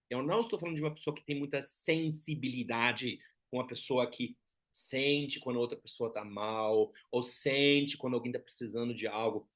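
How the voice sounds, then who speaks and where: A man's voice: a little high, fairly bright tone. A man from Germany with a German accent, giving an explanatory lecture as a teacher and often checking in with short tag questions. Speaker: Enneagram teacher.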